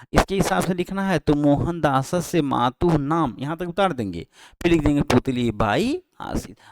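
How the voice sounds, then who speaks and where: A man with a somewhat high voice teaching an exam-prep lesson. He explains patiently, repeats each answer and often pauses to correct himself. His voice is dry and close, with a handheld mic held near the mouth. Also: no room sound. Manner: explains slowly in Hindi, repeats answers, frequent fillers and self-corrections. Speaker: Sanskrit teacher. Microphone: handheld microphone held close.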